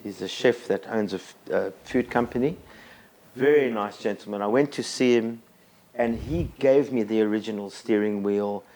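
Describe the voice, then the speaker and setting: A man's voice: on the low side, moderate pace, dark tone. A man, a podcast guest telling long, rambling stories with many ums and restarts. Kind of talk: casual storytelling chat.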